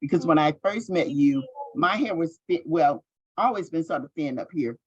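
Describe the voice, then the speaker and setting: An older woman in her sixties speaks earnestly on a video call. Her voice is husky, and the sound is dull and muffled over a dry line. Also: low-pitched, expressive, normal speed, no echo. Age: 60s. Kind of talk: casual video call chat.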